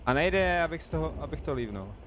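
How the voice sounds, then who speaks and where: In a laid-back live stream, a young man with a Czech accent talks through his gameplay and trades jokes with viewers. His voice runs on the high side, expressive and fairly bright, with a little hiss or hum audible.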